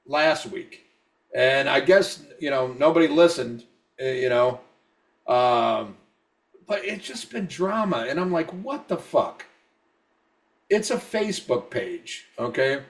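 A man's voice: fairly high pitch, expressive, takes it slowly, far from the mic. A drunk man co-hosting a podcast, rambling and heated, swearing constantly. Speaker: podcast co-host. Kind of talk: casual podcast rant.

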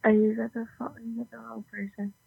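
A woman heard through a tinny, narrow phone line, her phone held away from her mouth so her voice comes through faint and distant. She sounds a little hoarse and breathy, pitched a touch high, and politely brushes off the caller. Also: flat delivery, a little fast, dry recording. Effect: heard over a phone speaker. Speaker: prank call recipient.

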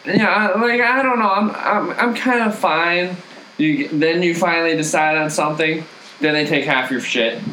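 A man swapping stories with his buddies, talking in loose, rambling bursts full of fillers and swearing. His voice is bright and a little high. The room gives it a noticeable echo. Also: normal speed, slight background noise. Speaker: group chat participant. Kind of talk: casual banter.

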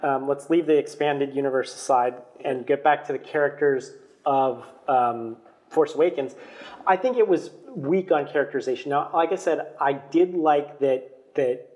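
Opinionated man, higher voice. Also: normal speed, a little mellow. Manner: opinionated, steering the talk. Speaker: panelist. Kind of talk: casual fan discussion.

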